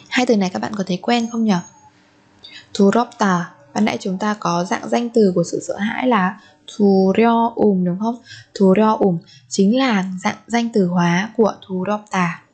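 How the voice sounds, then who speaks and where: Brief: a Vietnamese woman teaching Korean words, drilling each one slowly, with a soft, breathy voice. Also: mid-range voice. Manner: slow, deliberate, repeats each word three times. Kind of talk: vocabulary lesson with repeated pronunciation.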